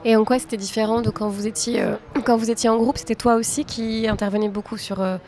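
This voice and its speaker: A woman's voice: fairly high pitch, little pitch movement, fast, darkish tone. A woman interviewer speaking informally and conversationally with her guest.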